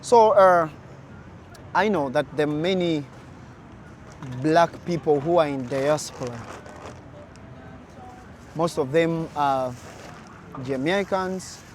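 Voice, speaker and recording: Slow, earnest man from Uganda. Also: a little high, slight background noise. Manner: slow, deliberate and earnest, addressing viewers directly. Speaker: vlogger. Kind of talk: casual talk to camera.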